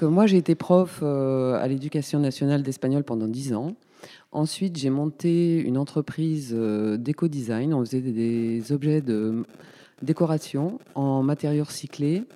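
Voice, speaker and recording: A woman's voice: very deep voice, dark tone. Chatty woman in her fifties, roomy reverb. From Paris, France. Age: 50s. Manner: chatty, hesitant with many fillers. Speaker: guest, community space coordinator. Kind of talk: casual radio interview.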